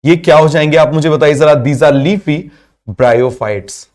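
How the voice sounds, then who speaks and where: A man's voice: fairly high pitch, slow, darkish tone. A male teacher giving a biology class, asking constant questions, having students repeat answers, and mixing English terms into Hindi.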